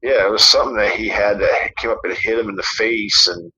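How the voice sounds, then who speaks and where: A man's voice: fairly low pitch, fairly even intonation, brisk, sharp tone, dull audio, a little hiss or hum. A man co-hosting a casual podcast, rambling through a story with many fillers and some swearing. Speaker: podcast co-host.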